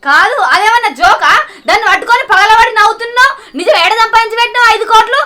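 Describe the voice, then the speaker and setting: Woman doing a super high fast-talking village wife, telangana accent, always scolding. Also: sharp tone. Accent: Telangana Telugu. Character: fed-up hardworking village wife. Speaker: actor in a village comedy drama.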